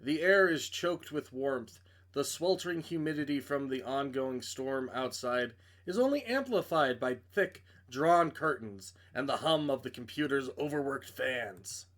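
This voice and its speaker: Speaking at a measured pace, this man has a medium-pitched, animated, fairly bright voice. As a game streamer narrating a playthrough, he reads story passages dramatically, stumbling and breaking off to toss in blunt, casual comments.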